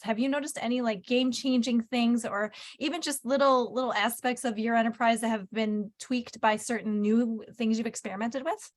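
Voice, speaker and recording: A woman with a Midwestern accent moderating a panel, bubbly and joking as she recaps points and asks questions. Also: fairly high pitch. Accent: Midwestern American.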